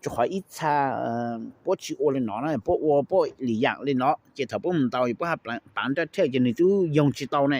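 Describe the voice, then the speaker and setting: A man hosting a casual talk to viewers, rambling quickly and checking in with "okay?", with English phrases slipped in. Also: medium pitch, darkish tone, no echo. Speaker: host.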